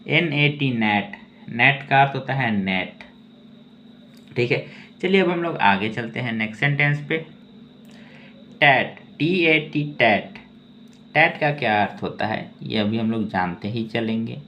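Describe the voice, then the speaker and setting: A man's voice: mid-range voice, lively intonation, a little slow, pauses often. A man teaching English word reading, who spells each word letter by letter and repeats it. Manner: spells words letter by letter, then repeats them; often says "okay" between explanations. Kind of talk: slow spelling and reading lesson. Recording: dull, lo-fi sound with faint ambient noise.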